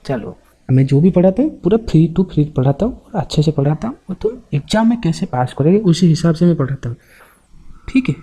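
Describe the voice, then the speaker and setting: A man's voice: on the high side, animated, fairly quick, warm tone, poor audio. Chatty, joking male tax tutor. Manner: chatty and jokey, often checks back with the class. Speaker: online accounting tutor. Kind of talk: informal classroom lecture.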